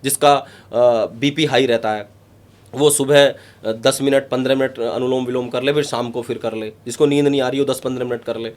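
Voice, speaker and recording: A man's voice: mid-range voice, fairly even intonation, normal speed. A man, a yoga guru, explaining breathing exercises step by step in an interview, emphatic and repetitive. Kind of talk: instructive interview talk.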